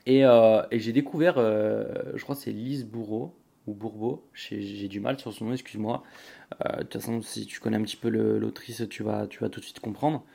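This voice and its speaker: A man's voice: on the low side, steady tone, normal speed, gravelly, mellow. A young man hosting a casual solo podcast, rambling with many fillers and restarts while talking straight to the listener. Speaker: podcast host.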